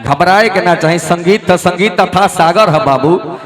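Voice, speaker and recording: A man with a Bhojpuri accent calming a stage dispute, soothing and repeating requests to sit down. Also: high voice, a little slow. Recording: live stage with loud crowd.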